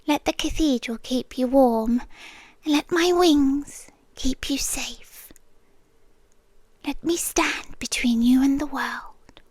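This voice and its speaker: In an ASMR roleplay, a British woman with a high voice plays a possessive winged monster girl, tender yet menacing. She coos breathily in half-whispers close to the microphone, with no echo.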